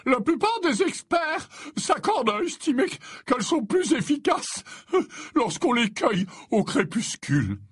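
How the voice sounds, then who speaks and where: Slughorn, a man doing a high airy old professor. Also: sing-song, a little slow, slightly rough, full character voice. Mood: courteous. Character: fussy courteous old male professor.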